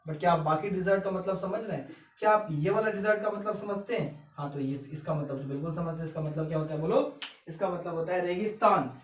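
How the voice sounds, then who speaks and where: Man, vocabulary teacher, high voice, animated questioning, echoey room, distant mic, dull sound. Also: fast. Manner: animated, repetitive questioning, calls viewers beta and bhai. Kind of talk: explaining lesson in Hindi and English.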